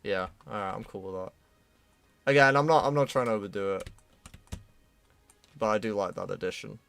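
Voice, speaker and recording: A man's voice: fairly low pitch, fairly quick, creaky, faint music behind. British man chatting dryly while he works. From United Kingdom. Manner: relaxed, self-deprecating, dry jokes. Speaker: streamer, 3D artist. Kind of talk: casual chat while working.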